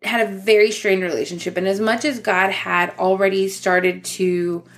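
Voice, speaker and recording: A woman's voice: mid-range voice, steady tone, normal speed. A young woman co-hosting a talk show, telling a personal story in casual chat, laughing often and filling with likes and ums. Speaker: podcast co-host.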